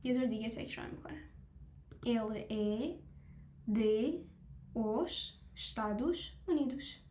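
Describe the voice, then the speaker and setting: A woman's voice: on the high side, lively intonation, a little mellow, roomy sound, a little hiss or hum. Persian-speaking woman teaching step by step. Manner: explains step by step, asks the class questions; slows down to model foreign phrases. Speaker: language teacher. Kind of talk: live online class.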